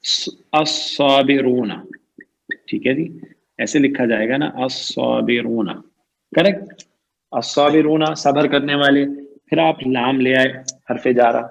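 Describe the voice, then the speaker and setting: In an online lecture on Arabic grammar, a man with a mid-range voice and vocal fry stretches out key terms and keeps quizzing his students. He often repeats "ٹھیک ہے جی" and "صحیح ہے جی", and the recording quality is low.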